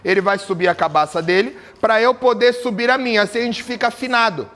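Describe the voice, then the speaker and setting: Leading a group capoeira class with berimbaus, a man explains how to tune them, throwing questions at the group and cracking jokes. He talks fast in a high, fairly bright voice.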